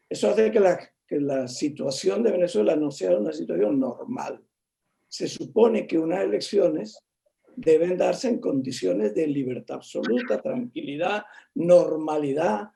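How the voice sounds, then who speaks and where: A man in a political video-call discussion, speaking haltingly with many restarts and fillers. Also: on the high side, vocal fry, mellow. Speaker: discussion participant.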